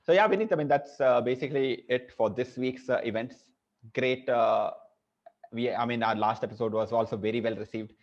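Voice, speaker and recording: A man's voice: mid-range voice, a little fast. Hesitant Indian man on a lo-fi podcast. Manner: rambling, hesitant with many fillers. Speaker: podcast co-host. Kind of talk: casual chat. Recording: dull lo-fi audio.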